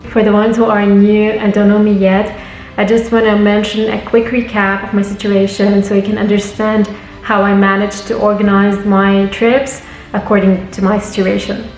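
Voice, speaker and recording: A woman's voice: mid-range voice, a little mellow, reverberant, rough recording. A young woman from Lebanon giving travel tips in a friendly, explanatory scripted vlog. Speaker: travel vlogger.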